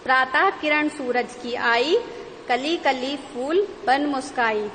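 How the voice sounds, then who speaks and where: Woman teacher, high voice, very slow and deliberate, syllable-by-syllable, reverby room. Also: a bit bright. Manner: slow, spelling words out piece by piece. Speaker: Hindi teacher. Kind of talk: online class lesson for young children. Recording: long reverb, faint background noise.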